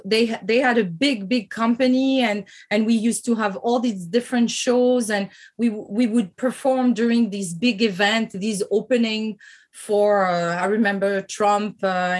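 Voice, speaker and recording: A woman's voice: medium pitch, steady tone, measured pace. A woman from France with a French accent, a podcast guest and former dancer, telling her story with many hesitations.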